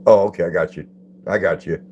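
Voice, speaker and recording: A man's voice: deep voice, steady tone, quick pace, a little mellow, muffled recording, slight background noise. An older man hosting a live stream, chatting in a folksy way and greeting viewers by name as he reads their comments. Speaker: livestream host. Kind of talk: casual live-stream chat reading comments.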